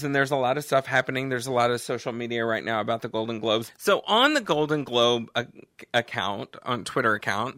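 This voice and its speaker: A man's voice: medium pitch, no room sound, studio quality. A man co-hosting a podcast in casual chat, talking expressively and laughing often. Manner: chatty, expressive, quick laughs. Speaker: podcast co-host.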